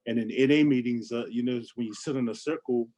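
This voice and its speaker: A man's voice: medium pitch, fairly even intonation, quick pace, mellow, lo-fi sound. A man in his late forties with a New Zealand accent, chatting candidly and earnestly as a podcast guest, often repeating phrases for emphasis and saying "bro". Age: late 40s. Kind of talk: casual, candid personal chat.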